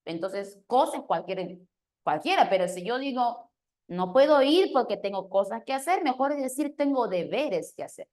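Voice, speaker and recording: Lady teacher, lively, keeps asking the class stuff, highish voice. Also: moderate pace. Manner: animated, questioning, keeps asking "¿sí o no?".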